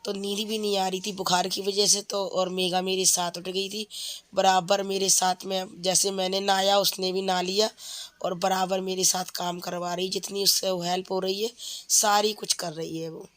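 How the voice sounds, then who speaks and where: A woman's voice: mid-range voice, flat delivery, moderate pace, a bit bright. A woman in her thirties, a mother, chatting casually in a cooking vlog from her home kitchen, explaining each step while feverish. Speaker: vlogger, mother.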